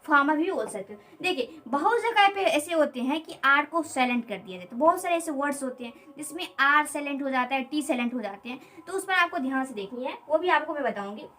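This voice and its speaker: A woman teaching an English grammar lesson. She explains slowly, repeats key words and keeps asking quick check questions. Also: sits high, animated, pushed and bright, recorded from a distance, poor audio.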